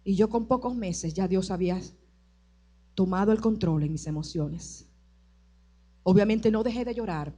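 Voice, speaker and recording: A woman pastor preaching her testimony at a church service, passionate, moving between loud declarations and soft, tearful recollection. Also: on the low side. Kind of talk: sermon testimony.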